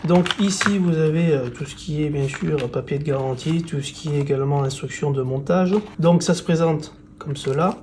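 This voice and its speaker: A man presenting and unboxing phone accessories in a casual, relaxed way, with frequent fillers. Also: fairly high pitch, normal speed, few pauses, background noise. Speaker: tech reviewer.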